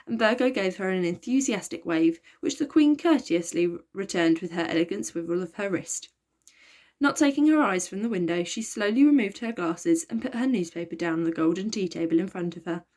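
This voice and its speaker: A woman reads a children's book aloud, steady and expressive as she narrates. Her voice sits a little low for a woman. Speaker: storyteller.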